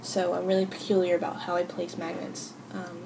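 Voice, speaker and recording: A woman hosting a casual, unscripted craft tutorial, talking informally and haltingly as she thinks aloud. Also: lowish voice, completely flat delivery, gravelly. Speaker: hobby video host. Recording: noisy home recording.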